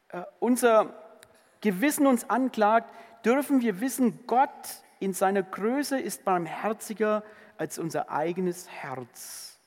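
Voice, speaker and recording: High-voiced preacher in a reverberant hall. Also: male voice. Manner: earnest, swings between emphatic and hushed. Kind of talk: sermon.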